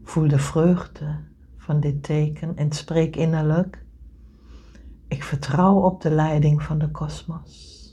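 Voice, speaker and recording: A woman leads a guided meditation in a low, mellow, breathy voice. She speaks very slowly and gently, often sinking into a soft whisper. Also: flat delivery. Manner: slow soothing delivery, often whispered.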